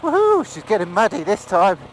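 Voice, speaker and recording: A man talking inside his motorcycle helmet as he rides a muddy outdoor dirt trail. He gives casual, excitable commentary and often whoops and laughs. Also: sits high, a little fast, a little hiss or hum, poor audio. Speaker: dirt bike rider filming his ride. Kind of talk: casual commentary while riding.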